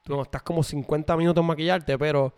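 A young man co-hosting a relaxed podcast conversation, speaking with a Puerto Rican accent. His voice is slightly high for a man and comes across smooth and clean. He slips English words into his Spanish as he chats. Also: fast talker. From Puerto Rico. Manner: chatty, mixes English words into his speech. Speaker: podcast co-host. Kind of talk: casual chat.

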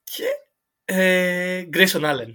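A man chatting casually as a podcast co-host, thinking aloud with many pauses and fillers. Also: high-pitched, bright, forceful tone, clean tone. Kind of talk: casual basketball chat.

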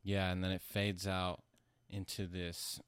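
A man who sounds high, talking casually about his music in a rambling, slangy, profane stoner manner. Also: little pitch movement, unhurried, fairly bright tone, clear, resonant tone, dry recording. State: high from smoking. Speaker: musician being interviewed about own album. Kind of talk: casual chat.

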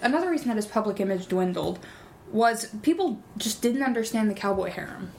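Woman, comedy podcast co-host, deadpan storyteller, mid pitch. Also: brisk, creaky, a little hiss or hum.

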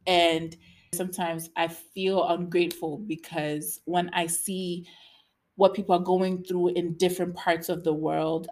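Lower-voiced young woman co-host. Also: level tone, a little slow, a little mellow. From United States. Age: 20s. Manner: reflective, supportive backchannels. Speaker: podcast co-host. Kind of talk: casual chat.

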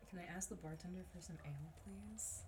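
A woman's voice: on the low side, moderate pace. A young woman playing a tabletop game, giggly and repeating herself. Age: young adult. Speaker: player. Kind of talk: casual tabletop chat. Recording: clear background hiss.

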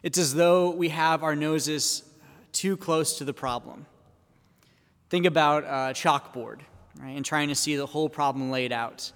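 Slow-preaching priest at a pulpit microphone. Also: male voice, on the high side, steady tone, a bit bright, clear, resonant tone. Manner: measured preaching, posing questions to the congregation. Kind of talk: Sunday homily. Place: church. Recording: long church reverb.

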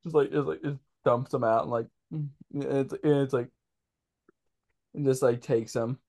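A man playing a tabletop game who talks haltingly, repeats his words and laughs often. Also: mid-range voice, steady tone, a little mellow. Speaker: player. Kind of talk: tabletop role-play banter.

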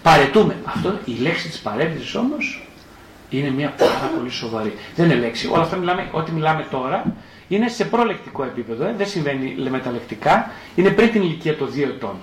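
A man's voice: a little high, echoey room, a little hiss or hum, poor audio. A male psychotherapist giving a spoken lecture, asking questions and then answering them himself, and sometimes speaking as a child in the first person. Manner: animated, asks and answers his own questions.

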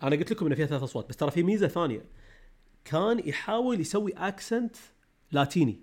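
A man's voice: a little high, lively intonation, darkish tone. A man, co-hosting a podcast in casual chat, talking eagerly and laughing easily. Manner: rapid, enthusiastic, laughs easily. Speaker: podcast co-host.

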